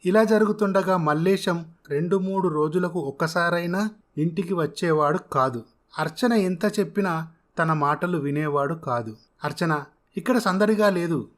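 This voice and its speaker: A man's voice: on the high side, moderate pace, a bit bright. Man narrating a storybook tale.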